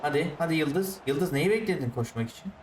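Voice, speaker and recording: A man commentating his own football video game match, ranting at the referee and the players, then calmly explaining his tactics. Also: on the high side, fairly quick, roomy sound, far from the mic, a little hiss or hum. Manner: switches to calm explaining of tactics. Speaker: gaming YouTuber.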